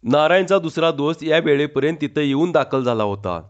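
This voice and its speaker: Man, storyteller, humorous story reading, expressive, slightly high voice, muffled recording. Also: fairly quick. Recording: dull lo-fi recording.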